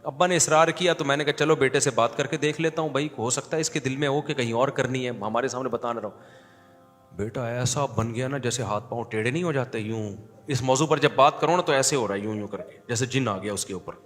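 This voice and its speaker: A male religious scholar telling stories in a sermon, animated and joking. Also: mid-range voice, long reverb tail, faint music behind. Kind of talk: sermon storytelling.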